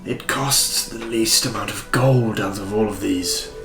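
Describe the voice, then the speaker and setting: A man's voice: fairly low pitch, a little slow, reverberant, over music. A man playing a tabletop game, asking wry, probing questions in casual banter. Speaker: player.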